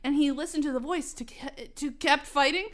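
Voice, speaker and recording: Giggly young woman reading a silly story out loud, high bright voice, keeps cracking up. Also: moderate pace. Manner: giggly, breaks up, comments on the text. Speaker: host reading a fan story. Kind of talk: comedic dramatic reading.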